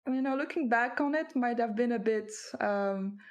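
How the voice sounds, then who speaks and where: A native French speaker from France, appearing as a guest author in a conversational interview, recounts her path thoughtfully and reflectively with hesitant fillers. Her voice is a little high with a darkish tone at normal speed, and the recording is muffled.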